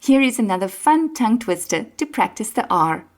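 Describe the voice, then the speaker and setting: A woman teaching pronunciation, saying each word slowly and clearly, and cheering the learner on with encouraging remarks. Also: mid-range voice, very animated. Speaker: language teacher. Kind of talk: pronunciation drill lesson.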